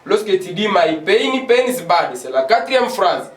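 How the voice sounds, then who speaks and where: A man teaching English in a classroom, repeating example phrases slowly and switching between French and English. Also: high voice, very animated. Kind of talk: classroom lesson at a board. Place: classroom with a board. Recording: echoey room, voice from far off.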